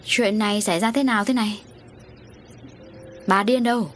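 A woman voicing an older father who is gruff and scolding, with an exasperated manner. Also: medium pitch, fairly even intonation, moderate pace, fairly bright tone, faint music behind, natural voice. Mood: shocked.

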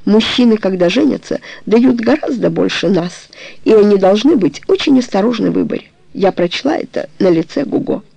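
An audiobook reader voicing a weary, ashamed middle-aged woman who confesses to her suitor in a low, hollow, bitter tone. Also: animated, normal speed, gravelly, warm tone, slightly rough, exaggerated voice, low-quality recording. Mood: confessing.

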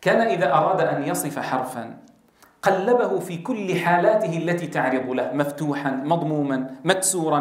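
A man teaching Quran recitation, explaining calmly and drawing out example sounds slowly. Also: sits high. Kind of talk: tajweed lesson with spoken pronunciation demos. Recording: roomy echo.

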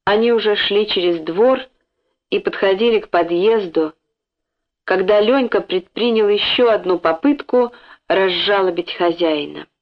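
A woman narrating a children's story in an expressive storytelling way, in a dull lo-fi recording. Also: medium pitch, a little slow. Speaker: audiobook narrator.

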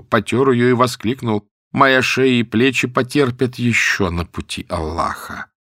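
A man narrating classic tales as an audiobook reader, in a measured storytelling manner that slows for key words. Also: lowish voice, a bit bright, no room sound, clean studio sound.

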